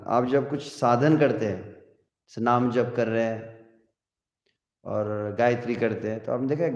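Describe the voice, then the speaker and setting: A man giving a devotional lecture in Hindi, slowly chanting scripture verses and then explaining them in a conversational way, with an occasional chuckle. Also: medium pitch, darkish tone. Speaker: spiritual teacher. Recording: muffled, echoey hall recording.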